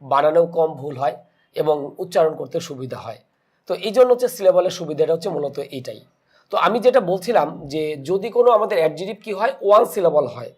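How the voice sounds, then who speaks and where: A man's voice: high-pitched, darkish tone. A man teaching English grammar for exam prep in Bengali with a Bangladeshi accent, posing questions to students and answering them himself, mixing English terms into his speech.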